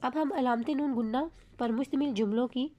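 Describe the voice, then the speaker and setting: A woman with a Pakistani Urdu accent teaching a grammar lesson, explaining patiently and drawing out each example word slowly. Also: high-pitched, dark tone, dull audio. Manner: explains slowly, reads example words drawn out.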